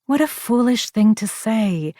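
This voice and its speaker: A woman's voice: on the high side, expressive, measured pace, dark tone, no room sound, clean studio sound, pitched above the performer's own voice. Woman reading as caring young woman, affectionate, soothing, lifted voice. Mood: concerned. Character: warm caring young woman, best friend.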